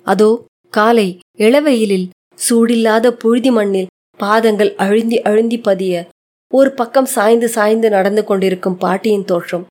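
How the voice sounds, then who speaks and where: A woman narrating a short story in a measured, reflective storytelling manner. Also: mid-range voice, steady tone, a little mellow.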